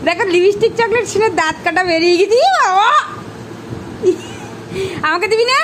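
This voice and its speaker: A woman's voice: very high voice, racing, background noise. A woman filming her small daughter at home, coaxing and teasing her with frequent exclamations. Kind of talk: casual home video chat with a toddler.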